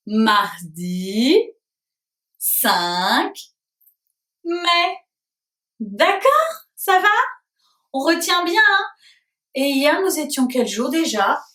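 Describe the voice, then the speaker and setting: A woman teaching a lesson to small children at home, asking simple questions in a slow, sing-song voice and praising their answers. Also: on the high side, pushed and bright, distant mic. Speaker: preschool teacher. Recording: roomy echo, voice a little off-mic.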